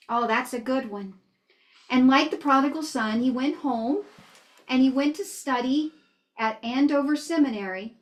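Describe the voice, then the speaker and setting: A woman telling a missionary story to children, earnestly reading aloud and asking them questions. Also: high-pitched.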